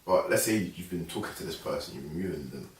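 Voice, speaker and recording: An eighteen-year-old man, talking in a measured, laid-back way on a teen panel. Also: sits low, animated. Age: teens. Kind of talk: casual panel discussion. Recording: roomy with crowd chatter, distant mic.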